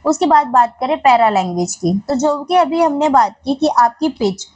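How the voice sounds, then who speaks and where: A woman teacher giving an exam-prep lecture, explaining step by step with frequent filler pauses. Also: high-pitched, animated, poor audio. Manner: explains step by step with Hindi-English term pairs.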